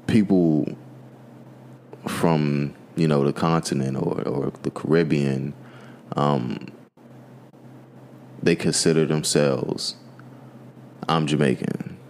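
A man from the United States in casual conversation, telling stories in a relaxed way with many fillers. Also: rumbling low, takes it slowly, long pauses, a little hiss or hum.

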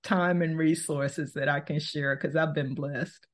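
A woman, answering interview questions in a thoughtful, unhurried way and laughing easily. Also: low-pitched, fairly even intonation. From Texas, US. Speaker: podcast host, guest.

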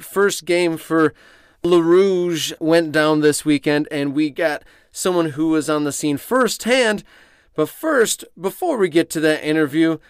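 Male podcast host recording from a closet, dead-dry sound, smooth voice, many uhs. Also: a little high, dry recording. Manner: loose, with frequent filler uhs. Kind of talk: casual soccer podcast hosting. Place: small closet under the stairs.

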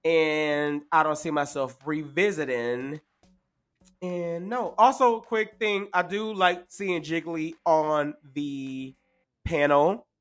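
A man's voice: fairly high pitch, takes it slowly, fairly bright tone. A man co-hosting a casual podcast, giving opinions in slangy drag-scene phrases. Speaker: podcast co-host.

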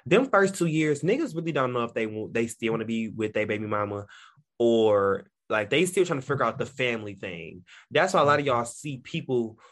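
A man co-hosting a podcast in casual chat, telling stories in an animated, slangy way. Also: medium pitch, fairly quick. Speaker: podcast co-host.

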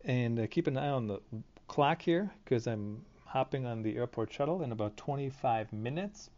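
Give the voice of a man hosting a podcast on his own, chatting informally and thinking out loud as he goes. His pitch is average for a man. He records through phone headphones used as a mic, so the sound is a bit dull and lo-fi. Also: animated, normal speed. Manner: informal, conversational, thinking aloud. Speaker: podcast and live stream host. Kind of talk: casual solo monologue. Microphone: phone headset, headphones used as mic. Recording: dull lo-fi phone headset audio.

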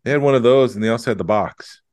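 A man's voice: medium pitch, quick pace, darkish tone, no echo, studio quality. A man co-hosting a podcast, chatting casually and telling a rambling story. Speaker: podcast co-host. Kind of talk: casual chat.

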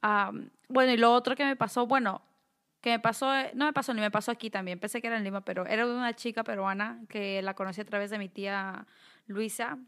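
A young woman with a fairly high voice tells stories in a casual podcast chat. She acts out the voices of the people she quotes. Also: steady tone, fast, fairly bright tone, clear, resonant tone. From Peru. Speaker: podcast co-host. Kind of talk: casual conversation.

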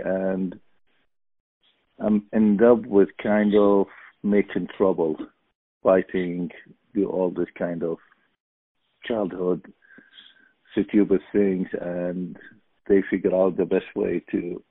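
Middle-aged man, slow and halting, dry phone-line sound. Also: sits low, no room sound. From Iraq. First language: Arabic. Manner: halting, searching for words, many fillers. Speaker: podcast guest. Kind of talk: casual interview.

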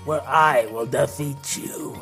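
An actor playing a boastful little pig villain in a children's story, with slow theatrical menace. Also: male voice, mid-range voice, fairly even intonation, fairly bright tone, faint music behind. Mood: gloating menace. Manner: slow theatrical menace, gloating evil monologue. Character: villainous little pot-bellied flying pig, boastful, petty.

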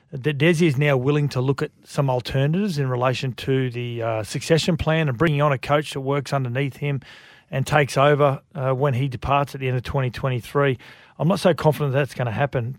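Australian sports pundit, dry close sound. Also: male voice, medium pitch, no room sound. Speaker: rugby league pundit on a radio show. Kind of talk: sports talk commentary.

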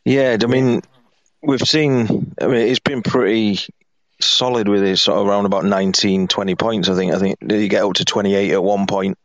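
A man with a hoarse, croaky frog-in-the-throat voice, hosting a casual sports podcast. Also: on the low side, steady tone, moderate pace, dry recording, low-quality recording. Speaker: podcast host.

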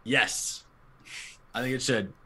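A man's voice: mid-range voice, steady tone, slow, pushed and bright. Man, co-host, casual stream talk, laid-back, dry humor. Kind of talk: casual live-stream chat.

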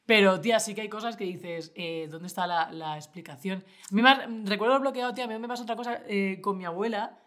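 A young woman with an ordinary mid-range voice, co-hosting a relaxed podcast conversation. She chimes in with surprised exclamations and relaxed comments. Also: mid-range voice, fast talker. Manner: reactive, exclaims in astonishment. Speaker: podcast co-host. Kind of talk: casual chat.

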